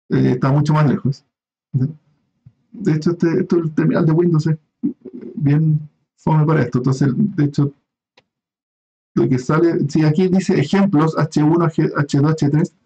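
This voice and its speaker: Lecturer, slightly high voice, dull audio. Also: male voice, darkish tone. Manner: explanatory, many fillers and restarts, checks in with "¿ya?". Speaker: university lecturer. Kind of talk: recorded online class lecture.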